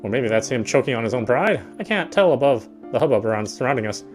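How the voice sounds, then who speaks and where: Reading a visual novel's scripted narration aloud, this man talks fast with lively intonation at a medium pitch. Every so often he trips on a phrase and repeats it. Soft guitar music from the game fills the background.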